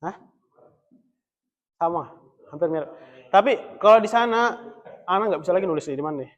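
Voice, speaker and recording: A male religious teacher leads a relaxed Arabic class in a mosque, joking and chuckling as he explains. His voice sits a little on the high side. The recording is dull and lo-fi. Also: moderate pace. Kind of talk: casual classroom lesson. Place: mosque study room.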